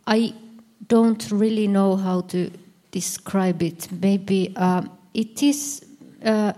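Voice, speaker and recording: Woman, panel speaker, hesitant, slow, lots of pauses. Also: lowish voice, dark tone. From Finland. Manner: hesitant, searching for words, many fillers. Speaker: author and publisher. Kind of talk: panel discussion.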